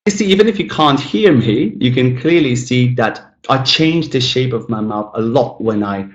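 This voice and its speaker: A man with as his teaches English pronunciation, his voice sitting at an ordinary pitch. He breaks words apart, stretching the stressed syllable and mumbling the others. The recording has a noticeably echoey room sound. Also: animated, moderate pace, highs cut off. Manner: demonstrates sounds by exaggerating stressed syllables and mumbling unstressed ones; explanatory, addresses viewers as guys. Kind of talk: recorded language lesson.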